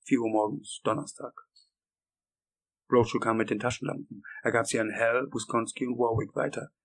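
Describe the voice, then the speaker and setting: A male audiobook reader narrating a horror story in a measured, steady way. His voice is gravelly and husky at a medium pitch. The reading keeps an even pace throughout. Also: rough recording.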